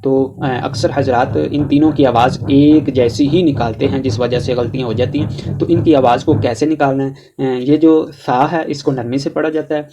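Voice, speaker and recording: Male tajweed teacher, Pakistani Urdu accent, mellow tone, slow drawn-out letter drills. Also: mid-range voice, steady tone, slight background noise. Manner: slow, drawn-out recitation of letters between plain explanations. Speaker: Quran reading teacher.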